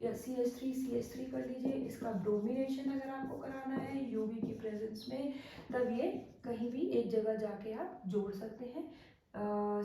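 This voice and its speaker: A woman's voice: on the high side, warm tone. Young woman, chemistry teacher, step-by-step explaining, answers her own questions, faint background noise. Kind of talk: whiteboard lesson. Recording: echoey room, far from the mic, faint noise.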